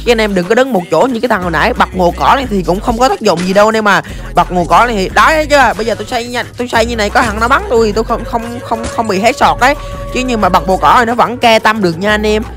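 A game streamer rattles off rapid, excitable play-by-play, breaking into bursts of exclamations. The voice sits at a middle pitch, and soft music plays faintly underneath. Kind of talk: live gameplay commentary.

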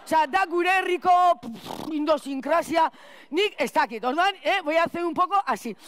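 A woman playing a scatterbrained, chatty school cleaner in a clown stage monologue, rambling with restarts and loud outbursts. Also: extremely high pitch, expressive, normal speed, slight background noise. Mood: exasperated rambling. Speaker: clown performer.

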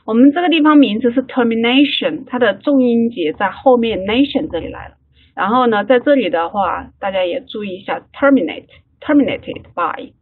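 A woman leading an online study-group lesson, slowly repeating English phrases for the group to drill. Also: fairly high pitch, expressive, breathy edge. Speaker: English class leader. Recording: phone-like online call audio.

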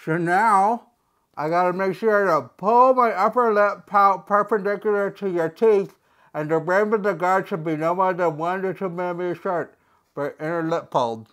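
A woman's voice: lowish voice, normal speed. A woman hosting a casual unboxing vlog, talking with a mouthguard in, playful and jokey as she reads instructions aloud. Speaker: unboxing video host.

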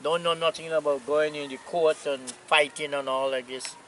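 A man in his eighties from Anguilla with a Caribbean accent, reminiscing casually in an unhurried, plainspoken way. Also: a little high, fairly even intonation, fairly bright tone, poor audio. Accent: Anguillan Caribbean English. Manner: unhurried, plainspoken old seaman's talk with pauses. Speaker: retired sea captain, interviewee. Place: outdoors on a seaside hillside. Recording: outdoor camera audio with noise.

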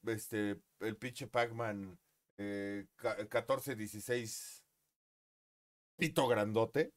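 A man with a Mexican accent, a streamer, ranting in a profane, mocking way. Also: medium pitch. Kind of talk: casual rant.

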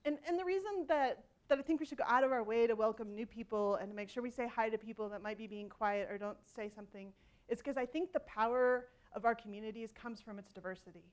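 A woman in her forties speaks from a conference stage through a headset mic, her voice sitting a little high. She talks in a loose, conversational way, full of ums and restarts, with a self-deprecating humor. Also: fast talker. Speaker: keynote speaker. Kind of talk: conference keynote talk. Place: large conference hall stage.

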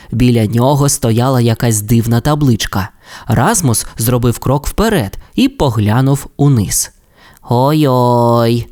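A man narrating a children's story with playful, expressive delivery. His voice swoops up and down as he tells it, sitting at a middle pitch.

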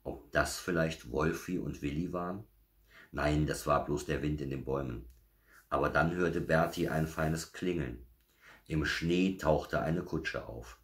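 A man narrating a children's story in a gentle, measured storytelling manner. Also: a bass voice.

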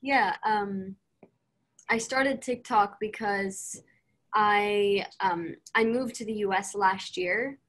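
A young Swedish woman, a singer, is interviewed casually over a video call from a small indoor room, using her laptop mic without earphones. She's chatty and upbeat, full of fillers and restarts, and speaks slowly in a mid-range, fairly bright voice.

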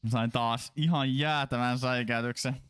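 A man's voice: mid-range voice, steady tone, brisk, fairly bright tone, smooth, no room sound. A man chatting casually while live-streaming a game.

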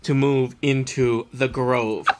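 A middle-aged man narrating an online tabletop game as game master, in a halting, conversational way. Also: medium pitch, steady tone, heavy background noise. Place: small room at home.

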